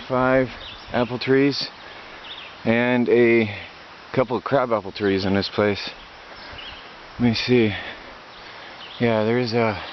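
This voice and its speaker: Man vlogging outdoors by a creek, noisy audio. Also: fairly low pitch. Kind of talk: casual rambling vlog narration. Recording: dull lo-fi outdoor audio, loud creek and nature noise. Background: running creek water, insects.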